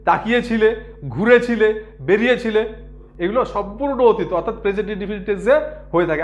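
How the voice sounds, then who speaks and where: High-voiced patient male teacher. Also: dull audio. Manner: patient, repeats words and asks if students understand. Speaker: grammar teacher. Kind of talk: explanatory lesson.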